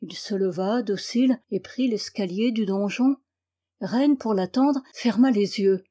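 Mellow-voiced woman reading aloud. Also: medium pitch, unhurried. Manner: voices characters with emotion, rising to anguished cries. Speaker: audiobook reader. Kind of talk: expressive audiobook narration.

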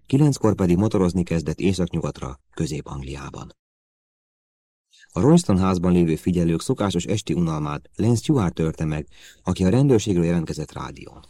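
A man narrating a thriller audiobook in a steady, even storytelling manner. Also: deep voice, no room sound, studio quality. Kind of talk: scripted narration.

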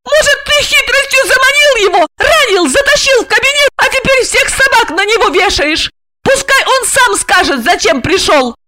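A woman voicing a frantic, demanding young woman in an audiobook, shrill and screaming. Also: sing-song, a little slow, background noise. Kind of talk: audiobook character voice.

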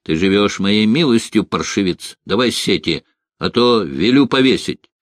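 A man's voice: fairly low pitch, animated, normal speed, no echo, clean studio sound, natural voice. A man voicing an imperious, hot-tempered prince who barks orders in an audiobook. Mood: threatening. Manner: barking, imperious.

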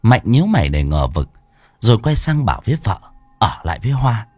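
A man telling a ghost story in dramatic, drawn-out scripted narration. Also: lowish voice, very animated, a little mellow, breathy edge, dry recording, clean studio sound, soft background music.

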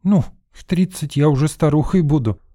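A man reading an audiobook, voicing a timid, easily frightened young woman in a soft, anxious, raised voice. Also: fairly even intonation, normal speed, dry recording, clean studio sound. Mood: cheerful. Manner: soft, anxious, higher put-on voice. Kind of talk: audiobook character voice.

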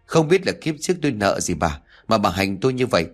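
A man voicing a resentful young daughter-in-law who scolds in quick, shrill bursts. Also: animated, faint music behind. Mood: furious.

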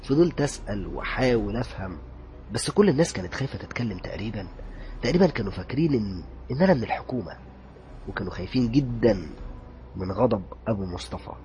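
Egyptian guy narrating a scary story, lively dramatic delivery, goes hushed at the creepy bits. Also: lowish voice, very fast, slight background noise. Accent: Egyptian Arabic. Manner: dramatic, drops to a hush at tense moments.

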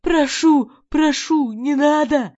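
A servile henchman in terror, as a woman voices him, high-pitched and straining. He begs loudly, and the recording sounds muffled and lo-fi. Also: slow, no echo. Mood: screaming, begging. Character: terrified male henchman, pleading and servile. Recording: dull lo-fi recording.

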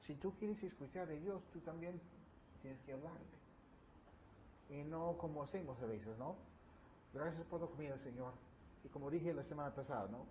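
A middle-aged pastor preaches in an easy, chatty way, slipping into quick playful voices for little scenes. His voice sits a little high for a man. The recording is a bit muffled, with a faint hiss behind him. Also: warm tone. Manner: conversational, acts out little quoted scenes with humor. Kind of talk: sermon. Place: church. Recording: slightly dull recording with faint background noise.

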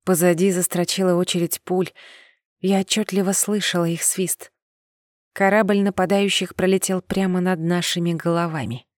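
A woman narrating a first-person audiobook in a measured, steady reading. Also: on the low side, dry recording, clean studio sound.

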